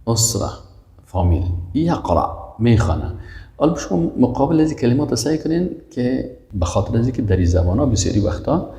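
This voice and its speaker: A man teaching Arabic pronunciation, repeating each word slowly and emphatically and quizzing his listeners. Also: lowish voice, mellow, reverberant. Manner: repeats words slowly and emphatically, asks and answers his own questions. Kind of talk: language lesson, drilling pronunciation.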